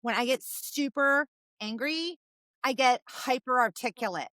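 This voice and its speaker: High, bright playful woman. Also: a little slow, dry recording. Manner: playful, with a lot of "like". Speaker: puppeteer. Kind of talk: casual group conversation.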